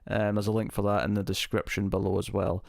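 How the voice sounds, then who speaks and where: Low-voiced man, heavily compressed, close and dry. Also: little pitch movement, fast, creaky, a little mellow, no echo. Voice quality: evenly compressed level. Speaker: live stream host. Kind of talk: casual live-stream chat, answering viewers. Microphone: close streaming mic with compressor.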